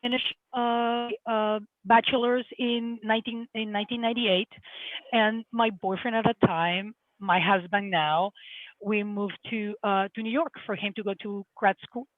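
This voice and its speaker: A woman's voice: mid-range voice, fairly even intonation, no echo. Middle-aged Peruvian woman, accented English, earnest panel speaker on a thin, tinny line. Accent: Peruvian Spanish. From Peru. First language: Spanish. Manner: earnest, halting storytelling. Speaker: lighting designer. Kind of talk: panel talk on career journey. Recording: tinny phone-like audio, dry.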